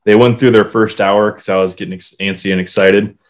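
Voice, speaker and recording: A podcast co-host with a lowish voice talks briskly in a casual hockey chat. He is animated, swears, and reads quotes aloud.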